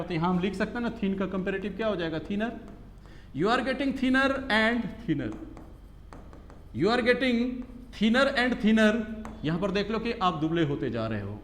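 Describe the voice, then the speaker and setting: High-voiced male teacher drilling phrases. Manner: repeats phrases, asks rhetorical questions, drills slowly. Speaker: English grammar teacher. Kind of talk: coaching class lecture. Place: coaching classroom. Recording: echoey classroom.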